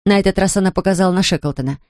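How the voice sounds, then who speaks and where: A woman narrating an audiobook in a measured, expressive storytelling manner. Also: on the low side, dry recording, clean studio sound. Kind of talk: scripted narration.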